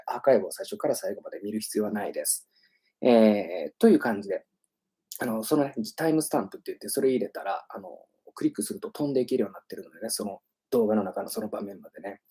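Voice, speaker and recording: Male language teacher on a relaxed livestream, husky, lively up-and-down delivery, lots of fillers. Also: fairly low pitch. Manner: chatty and self-promoting, filler-heavy. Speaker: English pronunciation teacher. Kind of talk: casual livestream talk.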